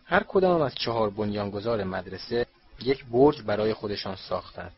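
A man's voice: lowish voice, expressive, natural voice. A man voicing an old magical talking hat as it recites its song in a storybook reading, on a dull lo-fi recording. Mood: proud recital.

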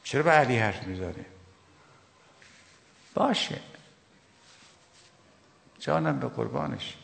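A man preaching a sermon, addressing his listeners directly, reciting Arabic phrases slowly and then translating them. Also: mid-range voice, lively intonation, gravelly, fairly bright tone, in a large hall. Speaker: Shia preacher.

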